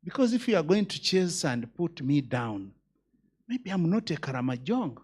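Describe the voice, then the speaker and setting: A man's voice: a little high, big pitch swings, normal speed, darkish tone, husky. A man, a judge giving a speech at a conference, emphatic and full of rhetorical questions.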